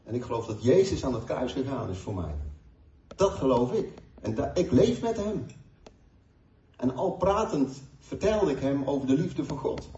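A man's voice: mid-range voice, very animated, moderate pace, warm tone. A man in his forties preaching a sermon, earnest, retelling conversations with frequent hesitations. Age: 40s. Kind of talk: sermon with personal stories. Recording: distant, dull, echoey room.

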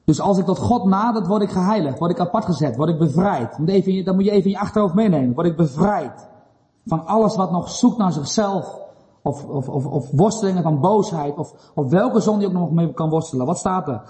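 A high-pitched man delivers a sermon, his tone mellow and earnest. He presses his listeners with rhetorical questions, building in intensity. His voice rings through a church hall with a long reverb. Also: lively intonation, a little fast. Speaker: preacher.

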